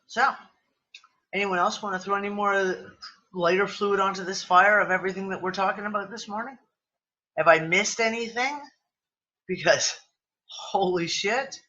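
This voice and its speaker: Hosting a loose online group chat over a video call on a computer mic, a man sounds bright and slightly high yet worn down, sniffly and close to losing his voice. He rambles from point to point with exclamations and casual swearing, at a moderate pace with fairly even intonation and frequent pauses, and the stream audio is dull and lo-fi.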